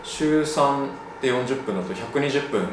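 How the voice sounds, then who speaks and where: A man's voice: mid-range voice, expressive, measured pace, background noise. A man interviewing a job applicant, asking probing questions with many fillers. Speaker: interviewer, former HR staffer. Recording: echoey room, distant mic.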